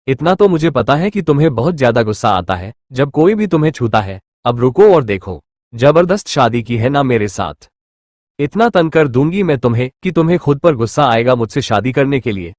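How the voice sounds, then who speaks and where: A man's voice: medium pitch, darkish tone, no echo, clean studio sound, close to an everyday voice. A man voicing an angry, defiant young bride who schemes and mocks her new husband, in a storybook reading. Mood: scheming. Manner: mocking, defiant.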